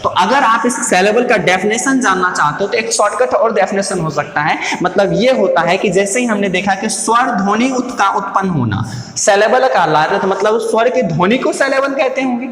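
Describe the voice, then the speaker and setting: A man teaching a grammar lesson, posing questions to his students, answering them himself and repeating key words slowly. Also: sits high, lively intonation, fairly bright tone. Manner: calls listeners "dear" and "my brother". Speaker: English teacher. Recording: echoey room with long reverb.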